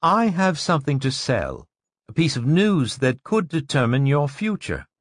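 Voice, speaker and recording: A man voicing an intense, fanatical young widow with a hard, thin, brittle voice, pitched well above his own. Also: sing-song, unhurried, no room sound, studio quality. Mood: cold, insistent.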